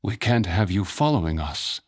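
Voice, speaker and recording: Calm, wry masked spymaster, as the narrator voices him. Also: male voice, low-pitched, moderate pace. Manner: calm, polite, dryly amused.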